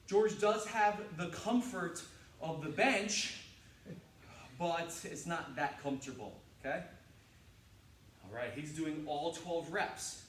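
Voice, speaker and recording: A man's voice: high-pitched, fairly bright tone, a little hiss or hum. A man coaching a home workout, joking around and grunting through the reps as he demonstrates each exercise. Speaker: fitness trainer. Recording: echoey room, mic at a distance.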